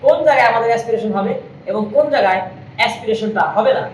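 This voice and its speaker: A woman teaching English pronunciation in a spoken lesson. She talks slowly and patiently, repeating each example sound several times. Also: a little high, distant mic, a little hiss or hum. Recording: echoey room, voice from off-mic.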